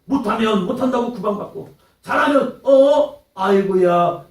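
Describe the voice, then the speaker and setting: A man preaching a sermon in a church, dramatic, swinging between loud outbursts and hushed lines and acting out quoted voices. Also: high-pitched. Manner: acts out taunting quotes in character. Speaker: pastor. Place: church hall. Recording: echoey hall, mic at a distance.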